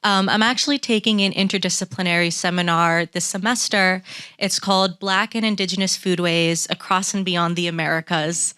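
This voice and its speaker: A woman's voice: fairly low pitch, fairly even intonation, normal speed, pushed and bright, clean tone, no echo, studio quality. A young woman, a student, asking a polite, hesitant question at a lecture. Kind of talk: audience question.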